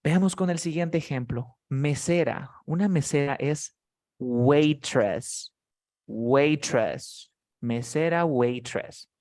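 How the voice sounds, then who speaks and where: A man's voice: fairly high pitch, unhurried, few pauses, a little mellow, dry recording, studio quality. Patient man teaching English. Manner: patient, drills words and asks students by name. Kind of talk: live online class teaching beginners.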